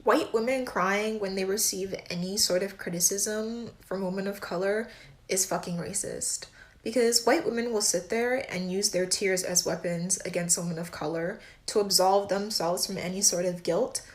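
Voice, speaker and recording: Woman commentator, mid pitch, angry and forceful delivery. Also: moderate pace. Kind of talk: social media commentary.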